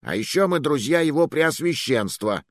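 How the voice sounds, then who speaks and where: A man's voice: fairly high pitch, animated, moderate pace, no room sound, studio quality, voice pushed up, lightly acted. Man playing a brash, swaggering bruiser. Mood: mocking. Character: rough, swaggering burly man, blunt and brash.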